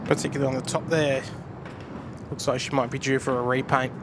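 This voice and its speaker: A man's voice: medium pitch, little pitch movement, a little fast, background noise. Chatty man hosting a plane-spotting livestream. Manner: chatty, matey, addressing viewers. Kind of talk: casual live commentary and chat.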